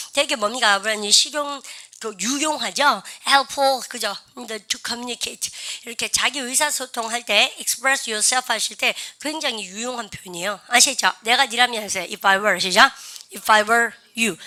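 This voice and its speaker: A woman teaching English in a classroom at a blackboard. Her voice sits fairly high and sounds bright and forceful. She calls out drill lines for the class to repeat and chats with them in between. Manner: chatty asides to the class. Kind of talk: classroom lesson.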